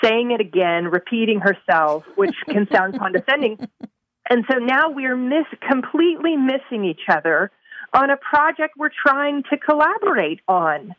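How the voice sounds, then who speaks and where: A woman guest on a marriage podcast, telling a story in a lively way and acting out her own lines. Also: a little high, normal speed, no room sound, muffled recording. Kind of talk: casual podcast conversation.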